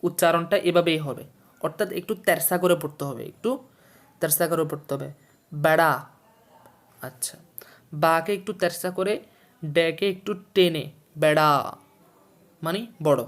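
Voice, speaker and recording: A man from Bangladesh teaching Urdu vocabulary from a textbook. He explains each word slowly, repeats words and their meanings, and quizzes the listener as he goes. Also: a little high, steady tone. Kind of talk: textbook lesson for a video series.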